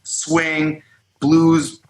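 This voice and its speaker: A man talking as a guest musician in an interview, telling stories in a rambling, animated way full of "like" and "you know". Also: fairly high pitch, extremely slow, roomy sound, rough recording. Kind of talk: casual storytelling in an interview.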